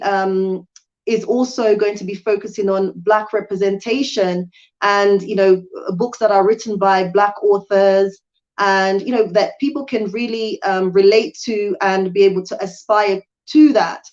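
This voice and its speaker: A woman's voice: medium pitch, a little mellow. Chatty woman on a muffled livestream. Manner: chatty, with frequent ums and restarts. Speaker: channel host and hotel owner. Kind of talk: live stream Q&A talk.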